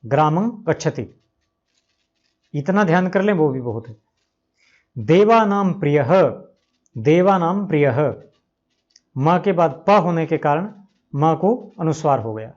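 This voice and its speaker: A man teaches grammar at an unhurried, measured pace and says each example word more than once, drawing the sounds out. His voice sits a little high for a man. The recording is dull and lo-fi. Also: expressive. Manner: slow, repeats examples, stretches out words to pronounce them. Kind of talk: explanatory lesson.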